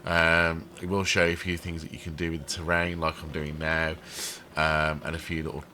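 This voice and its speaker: A man with a cold and a throaty bass voice rambles with many ums while casually commenting on building a theme park in a game for his channel. His pitch barely moves, his tone is sharp, and he speaks at normal speed.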